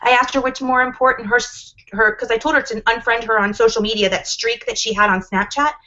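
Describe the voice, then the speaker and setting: A woman's voice: a little high, fairly even intonation, brisk, pushed and bright. A woman in her forties, a guest on a casual livestream, talking earnestly and rambling with many restarts. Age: 40s. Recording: dull lo-fi livestream audio.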